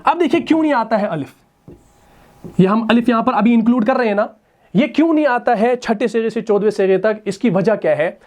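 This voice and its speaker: A man teaching Arabic grammar at a board, patiently explaining and slowly reciting verb forms, calling his students brother. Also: very high-pitched, lively intonation, a little mellow. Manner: patient, addresses students as brother, personifies letters.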